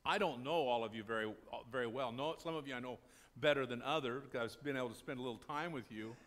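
In a small church sanctuary, an older pastor speaks fast in a medium-pitched, somewhat bright voice. His sermon is conversational, directed at the congregation, and he answers the questions he raises.

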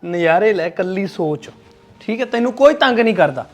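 An exasperated young husband, played by an actor, teasing and sighing at his wife in a high voice. Faint music runs under the film scene. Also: expressive, normal speed. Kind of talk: short film drama.

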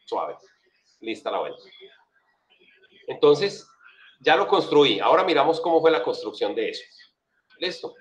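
A man's voice: on the high side, sing-song, measured pace, long pauses. A man with a Colombian accent giving a casual, chatty programming lesson, walking through his code with plenty of slang and repeated check-in questions to his students. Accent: Colombian Spanish. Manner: chatty, slangy, asks "right?" often. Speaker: programming instructor. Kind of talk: casual screen-share coding lesson.

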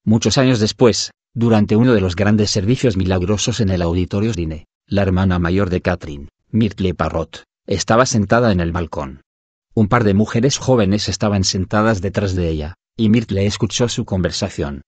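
A man with a low voice reads an audiobook in scripted narration. His delivery is steady and even, and he sometimes reads punctuation marks aloud. The sound is dry and close, with no room echo. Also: moderate pace, breathy edge.

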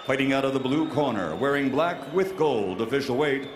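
Male ring announcer, theatrical and drawn-out, highly animated, echoing arena PA over crowd noise. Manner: theatrical announcer delivery, rising to long drawn-out shouted names. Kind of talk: boxing ring introductions. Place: large indoor boxing arena.

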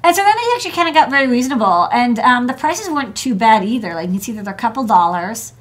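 Speaking quickly in a slightly high, expressive voice, this thirtysomething electronics engineer hosts her desk show from her workshop desk. She goes over parts in a relaxed, talkative technical walkthrough full of fillers and false starts.

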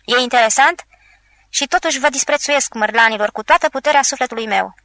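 A woman's voice: high-pitched, pushed and bright, no room sound. A woman voicing a drunken, bombastic old male tragic actor who rants and hurls theatrical insults. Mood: raging.

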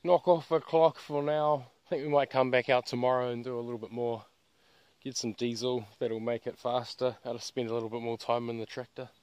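A man's voice: mid-range voice, level tone, a little fast, a little mellow, clean tone, no room sound. A man, chatting casually to a handheld camera outdoors in a rural yard while working on dirt jumps. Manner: laid-back, chatty, self-filming outdoors after digging. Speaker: vlogger building dirt jumps. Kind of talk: casual vlog narration. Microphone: camera held at arm's length.

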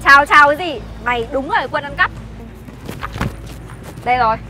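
A woman's voice: high-pitched, expressive, moderate pace, bright, forceful tone, heavily acted. An actress playing a harsh young mother who berates an orphan boy, scolding sharply in a scripted web sitcom. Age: young adult. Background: background music.

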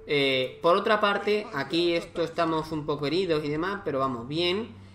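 A man's voice: on the high side, moderate pace, fairly bright tone, a little hiss or hum. A man giving casual let's-play commentary, thinking aloud and exclaiming as he plays a strategy game. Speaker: gaming YouTuber.

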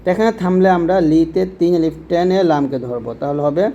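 A man teaching Quran reading, spelling out each letter and vowel mark in a Bangladeshi Bengali accent, then drawing the word out in slow recitation. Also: fairly high pitch, warm tone, slight background noise. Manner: spells out letters and vowel marks, then chants words slowly. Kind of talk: step-by-step recitation lesson. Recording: dull lo-fi recording.

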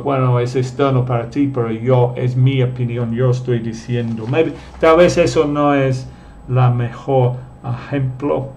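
A male teacher runs a live online lesson, taking things slowly and patiently. His voice sits at an ordinary middle pitch, and he pauses often to read out comments from viewers. Faint keyboard typing can be heard in the background. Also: darkish tone, slight background noise. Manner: patient, explains step by step and reads out viewer comments. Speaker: English teacher.

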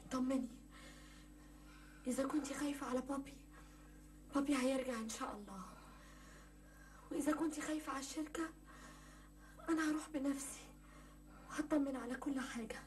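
A woman plays a spoiled, headstrong rich Egyptian girl in a TV sitcom. Her high voice moves quickly, and the sound is picked up from a distant mic on set. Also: fairly even intonation, a little mellow, natural voice. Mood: worried. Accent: Egyptian Arabic. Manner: spoiled, says "mami" and "babi". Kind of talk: 1980s Egyptian TV sitcom acting.

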